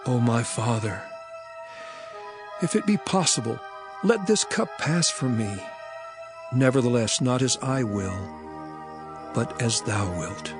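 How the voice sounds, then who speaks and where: An actor playing a grave, sorrowful yet authoritative Jesus in deliberate archaic speech for a dramatized scripture recording. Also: male voice, mid-range voice, lively intonation. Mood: anguished prayer. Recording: music behind the voice.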